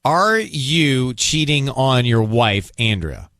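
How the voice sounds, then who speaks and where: A male radio host running a call-in segment, pressing a caller with calm, firm questions. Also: medium pitch, takes it slowly, no echo.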